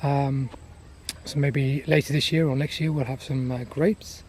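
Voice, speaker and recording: Guy doing a laid back garden walkaround, soft mellow voice, bit of outdoor noise behind him. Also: mid-range voice, steady tone, measured pace. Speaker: gardener giving a property tour. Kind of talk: casual unscripted garden tour vlog.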